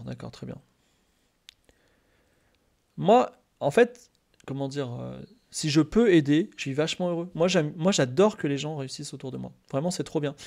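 Gravelly French man chatting on stream. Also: a little high. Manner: rambling, with many fillers and restarts; grows animated and loud when excited. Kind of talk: casual live-stream chat.

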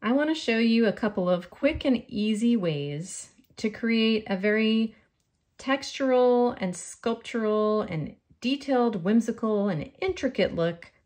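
A woman's voice: a little high, expressive, a little slow, a little mellow. A woman with a faint New York accent giving a friendly step-by-step polymer clay crafting tutorial.

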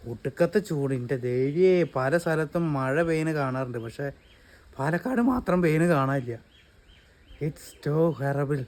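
A man's voice: fairly high pitch, darkish tone. A young man chatting casually in a family vlog, playful and talkative. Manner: chatty, playful, talks to the baby in a sing-song voice. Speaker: vlogger.

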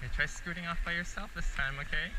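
A man teaching a small child to ski, gently repeating praise and simple instructions, filmed on a chest camera outdoors. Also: on the high side, steady tone, fast talker, background noise. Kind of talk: encouraging coaching while skiing. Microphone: action camera on the chest.

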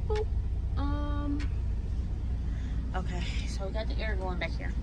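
A woman's voice: a little high, expressive, slow, heavy background noise. A woman giving a casual tour of her truck's cab and sleeper, talking straight to viewers. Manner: chatty, talks straight to viewers. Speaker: truck driver vlogger.

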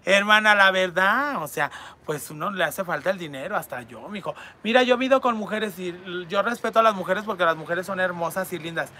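A man's voice: high-pitched, brisk, bright, forceful tone. A man, reading viewer comments aloud in a campy, crude and teasing comedic chat. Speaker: online entertainer reading fan messages.

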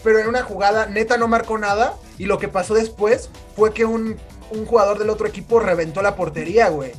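High-voiced slangy Mexican man. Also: steady tone, quick pace, faint music behind. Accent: Mexican Spanish. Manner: slangy, laughing, acts out quotes loudly. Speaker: podcast co-host. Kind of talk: casual storytelling chat.

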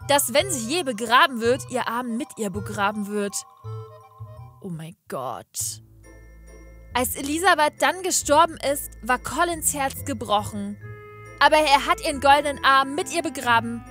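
A woman hosting a game video tells a spooky tale with dramatic, excitable energy. Her voice sits high and bright. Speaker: host. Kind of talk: horror story narration during gameplay.

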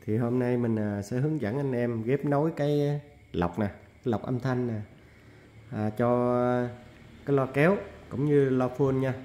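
Male technician, casual step-by-step tutorial, mellow tone, roomy echo. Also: medium pitch, measured pace. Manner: chatty, many fillers and "nha" tags, explains step by step. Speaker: audio equipment technician. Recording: echoey room.

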